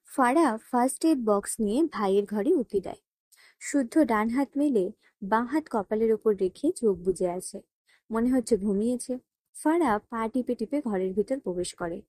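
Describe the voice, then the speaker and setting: A woman narrates an audio story in a steady, even storytelling manner. Her voice is fairly high but mellow, recorded close with a dry sound. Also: normal speed, dry recording. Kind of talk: scripted narration.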